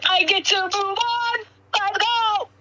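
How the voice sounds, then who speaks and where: A woman's voice: extremely high pitch, fairly even intonation, measured pace, sharp tone, a little hiss or hum. A woman friend on a call, chatting casually and muttering offhand asides. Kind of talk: casual chat.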